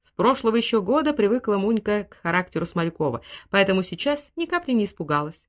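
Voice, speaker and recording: A woman reads a classic novel aloud in an expressive, dramatic way. Her pitch moves lively around a mid-range voice. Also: quick pace. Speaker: audiobook reader. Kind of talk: scripted literary narration.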